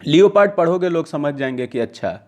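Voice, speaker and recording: A man teaches English vocabulary to exam students, reading news lines slowly and then explaining them conversationally with checking questions. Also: fairly high pitch, expressive, a little mellow. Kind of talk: casual classroom-style lesson, mixing Hindi and English.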